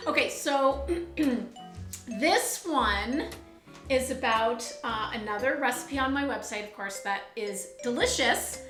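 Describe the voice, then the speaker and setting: A woman hosting a food blog chat show speaks in a high, bright voice. She talks casually with emphatic exasperation and quick laughter. The room is echoey. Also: soft background music. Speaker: food blogger and show host. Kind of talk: casual chat reading comments.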